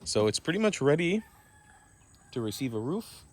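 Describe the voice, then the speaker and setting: Man vlogging his home build. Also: normal speed. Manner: loud pitched-up dog commands; relaxed explaining tone. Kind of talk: casual vlog narration.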